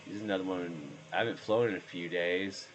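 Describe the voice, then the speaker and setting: Very deep-voiced hoarse man streaming. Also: fairly even intonation, a little fast, a little hiss or hum. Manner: rambling, thinking aloud. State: hoarse from being sick. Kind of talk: casual live-stream chat while gaming.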